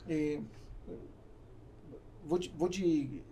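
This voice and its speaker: A guest entrepreneur in his forties, a native Spanish speaker with an Argentine accent, drops Spanish words into relaxed podcast conversation. His fairly high voice has a dark tone and drawn-out words. The small foam-padded studio and boom-arm mic leave slight background noise.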